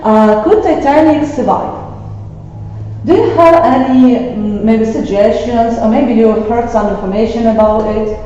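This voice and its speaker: A woman presents a classroom lesson slowly and haltingly, with many fillers. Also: on the high side, dark tone, slight background noise. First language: Ukrainian. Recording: echoey classroom, far mic, dull.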